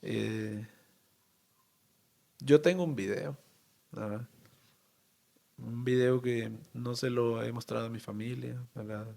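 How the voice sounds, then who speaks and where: A Honduran man speaks as an interview guest with a gravelly edge at a middle pitch. He tells his story haltingly, pausing often and tagging on questions, his voice heavy with emotion. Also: steady tone, mellow. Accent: Honduran Spanish. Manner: halting and emotional, many pauses, fillers and tag questions. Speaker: town mayor, interview guest.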